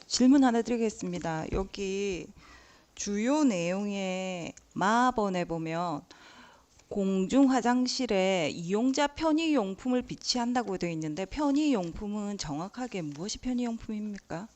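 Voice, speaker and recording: A woman on a district council asks an official a question. She speaks politely and deliberately, in an ordinary mid-range voice. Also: mid-range voice, lively intonation, darkish tone. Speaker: council member.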